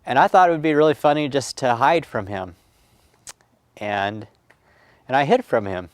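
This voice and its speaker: A middle-aged man recounting childhood memories in a recorded oral history, reflective and halting with many pauses and fillers. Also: medium pitch, animated, no echo. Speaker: family history storyteller.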